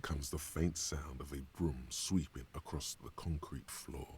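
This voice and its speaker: A man voicing the narrator of a detective game, reading measured descriptions of the scene. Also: very deep voice, steady tone, darkish tone, slight background noise. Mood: calm. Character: deep-voiced male narrator of a detective game.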